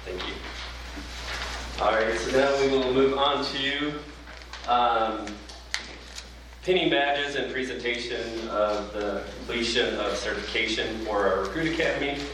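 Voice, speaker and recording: A man acting as a fire district training officer, speaking at a public board meeting. He reads an oath line by line for others to repeat, talking in a halting way with ums and restarts. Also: mid-range voice. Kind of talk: formal ceremony address at a public board meeting. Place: large meeting room. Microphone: distant from the microphone. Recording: echoey room recorded from far off, with noise.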